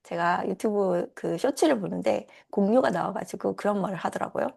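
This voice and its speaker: A woman coach giving a gentle, reassuring talk in a casual style. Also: medium pitch, fairly quick, creaky.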